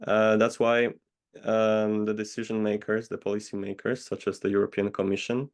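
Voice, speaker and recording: Gravelly low-voiced man. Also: flat delivery. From Poland. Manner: measured, hesitant with many pauses. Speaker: guest consultant. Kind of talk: interview answers. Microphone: video call.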